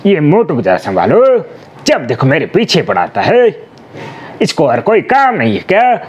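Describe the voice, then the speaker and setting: A fussy, whiny cartoon man pleads for help with a pushy friend, voiced by a man and pitched well above a normal speaking voice. The pleading comes in bright, lilting bursts. The sound is dull and lo-fi. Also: wildly swooping pitch, measured pace, breathy edge, exaggerated voice. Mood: whiny complaint.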